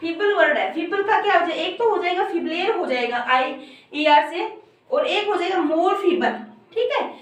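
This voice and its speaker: Woman teacher, high voice, very echoey room, mic set far off, rhetorical questions, slowed-down examples. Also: animated. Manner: repeats "ठीक है" and asks rhetorical questions, slows down to spell out examples. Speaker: English grammar teacher. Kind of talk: lesson explaining grammar.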